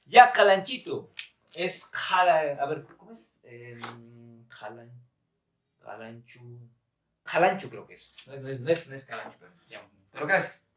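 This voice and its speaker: A man's voice: mid-range voice, expressive, measured pace, reverberant, far from the mic. A man teaching a live-stream language lesson in a chatty, laughing way, reading viewer comments aloud. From Bolivia. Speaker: Quechua teacher.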